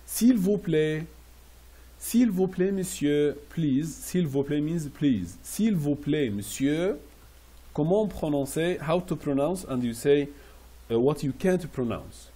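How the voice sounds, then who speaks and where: Slow, husky male French teacher. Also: fairly high pitch, lively intonation, mellow. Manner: explains French phrases in English, repeating each slowly. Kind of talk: classroom phrase lesson.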